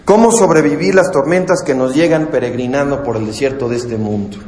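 A man preaching a sermon and reading scripture, in an earnest, measured teaching manner. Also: mid-range voice, a little mellow, a little hiss or hum. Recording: echoey hall with long reverb.

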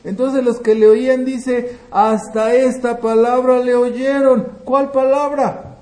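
A man preaching a sermon. He asks the congregation questions and answers them himself, and he swings between loud emphasis and quiet asides, with frequent restarts. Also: very high voice, flat delivery, slow, reverberant, poor audio. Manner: frequent restarts and checking "¿verdad?".

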